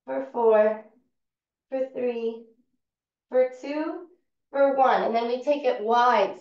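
A woman teaching a yoga class, calmly and steadily talking students through each movement. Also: a little high. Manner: calm, unhurried cueing of movements. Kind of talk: guided yoga class instruction. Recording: far-off, echoey, dull-sounding room recording.

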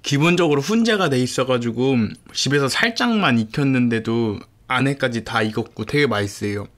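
A man's voice: medium pitch, animated, a little fast, a bit bright. Man talking with a mouth full of meat. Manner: chatty, explains what he cooked. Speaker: mukbang host. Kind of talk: casual eating show chat. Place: home.

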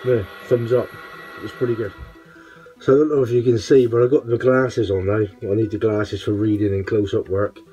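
A middle-aged man speaks through a face visor from his home workshop, his voice on the low side. He rambles casually through a product review, full of ums and restarts. Faint music plays behind him. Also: steady tone, moderate pace, warm tone, poor audio. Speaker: woodworker reviewing a respirator.

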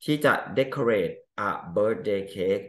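A man teaching English, going through exam answers, reading each English sentence slowly and then explaining it casually. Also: lowish voice, roomy sound.

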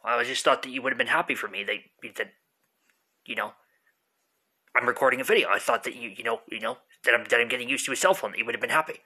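A man's voice: medium pitch, fast talker, pushed and bright, husky, voice pushed down. A man arguing with himself in a comic skit, playing a proud, easily hurt and defiant guy who repeats himself indignantly. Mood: hurt pride. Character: proud, hurt, defiant novice phone video maker. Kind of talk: comic self-argument skit. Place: small room indoors. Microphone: phone at arm's length.

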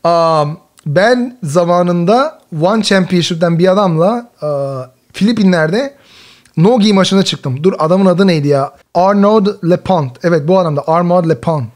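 A man in his thirties, a jiu-jitsu athlete hosting his own channel, reacting casually and telling a story, animated, laughing often and using slangy exclamations. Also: high voice, normal speed.

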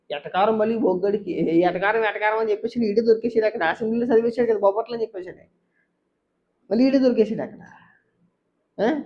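A man giving a heated political rant, scolding and taunting with rhetorical questions. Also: high voice. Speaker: political commentator. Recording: dull lo-fi sound.

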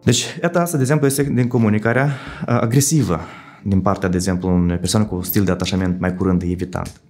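A man speaking as a psychologist guest in an interview, explaining with worked examples and often checking in with a quick "right?". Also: low voice, darkish tone, faint music behind.

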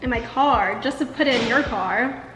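High-voiced young woman chatting while eating. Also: moderate pace, fairly bright tone, slight background noise. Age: young adult. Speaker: streamer hosting a mukbang Q&A. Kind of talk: casual chat over food. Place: indoor dining table in a large room. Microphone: camera across the table. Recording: echoey room, music behind.

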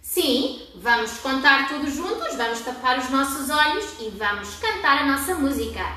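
A woman's voice: high voice, lively intonation, moderate pace, bright, forceful tone. A young woman with a European Portuguese accent, speaking in a kindergarten teacher voice, prompting small children with questions as she leads a play class. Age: young adult. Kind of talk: demonstrating a children's game to camera. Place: padded indoor children's playroom. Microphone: camera several metres away. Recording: very echoey room, distant microphone.

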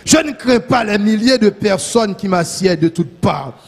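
A man reading a psalm aloud in a slow, lifting declamation. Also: high voice, lively intonation, slightly rough, in a large hall. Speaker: psalm reader.

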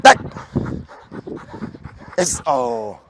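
A man filming a casual farm vlog, barking short sharp commands at a dog and grumbling bluntly between them, outdoors on a farm. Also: medium pitch, big pitch swings, very slow, noisy background. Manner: blunt, grumbling colloquial talk. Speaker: dog trainer and farm vlogger.

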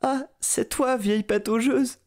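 A man voicing a spoiled, tearful young princess in a storybook reading, raising his voice high and loud. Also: steady tone, measured pace. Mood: pleading.

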